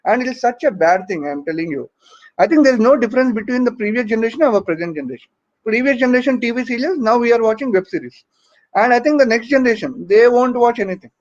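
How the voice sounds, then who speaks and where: A man's voice: sits high, darkish tone, muffled recording. A man with a Telugu accent, a native Telugu speaker, doing stand-up comedy in a conversational storytelling way. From Hyderabad region, southern India. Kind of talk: stand-up comedy monologue to an audience.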